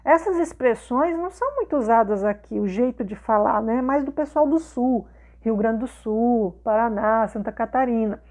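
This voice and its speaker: A woman's voice: on the high side, moderate pace, a little mellow. A Brazilian woman teacher walking students through a worksheet in a video lesson, patient and repeating her questions with frequent checks for understanding. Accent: Brazilian Portuguese, not southern.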